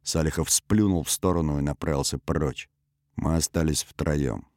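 A man reading a first-person story aloud in a steady, even storytelling manner. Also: very deep voice, normal speed, dry recording, studio quality. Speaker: audiobook narrator. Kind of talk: first-person scripted narration.

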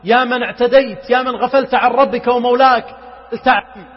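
High-voiced preacher in an echoing hall. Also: male voice, fairly even intonation, fairly quick, husky. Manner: dramatic, rises to impassioned pleading; chants Quran verses melodically. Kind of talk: emotional sermon with storytelling. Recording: muffled recording with long hall reverb.

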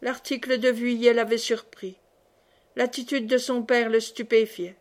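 A woman reading a classic novel aloud in a measured, expressive way. Her voice sits somewhat high for a woman. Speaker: audiobook reader. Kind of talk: scripted narration.

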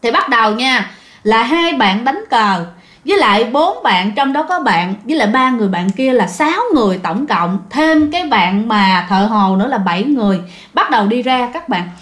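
A woman's voice: on the high side, expressive, normal speed, a bit bright. A woman telling a listener's ghost story in a chatty way, addressing the audience directly. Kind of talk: casual ghost story narration.

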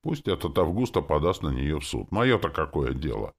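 A man's voice: rumbling low, very animated, moderate pace, vocal fry, breathy edge, full character voice. A man doing a cold, condescending mage. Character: cold, detached young male mage. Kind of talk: audiobook character voice.

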